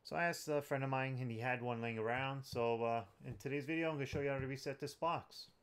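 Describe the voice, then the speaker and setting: This tech tutorial host is a man who talks fast in a smooth, medium-pitched voice with a steady tone. He leads viewers through the steps informally and in plain speech.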